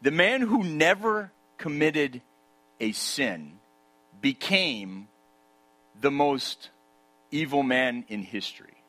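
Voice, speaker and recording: A man preaching with a slightly high-pitched voice. He leans on rhetorical questions and drives his points home with emphasis. At key moments he drops into a hushed tone. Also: expressive, takes it slowly, pauses often. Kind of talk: sermon.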